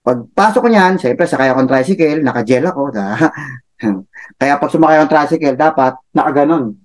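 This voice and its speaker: Man, motivational speaker, chatty, tag questions, laughs, fairly high pitch. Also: normal speed. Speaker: motivational speaker for a business club. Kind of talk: motivational talk.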